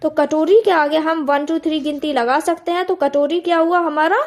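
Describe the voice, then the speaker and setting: A woman's voice: high-pitched, fairly even intonation. A woman teaching an English grammar lesson. She asks the listener questions and answers them herself, and she repeats key words. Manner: slows down and stretches out example phrases.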